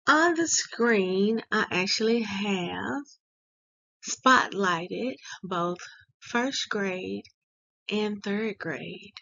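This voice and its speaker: A woman, a school administrator, giving the morning school announcements in a deliberate, instructive way, heard as school announcement audio. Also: medium pitch, vocal fry, fairly bright tone, muffled recording.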